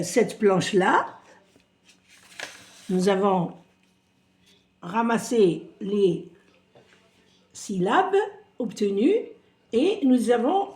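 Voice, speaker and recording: Slow patient woman teacher. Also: on the high side, warm tone. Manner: slow, patient, sing-song syllables. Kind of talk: reading lesson for young children. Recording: roomy echo.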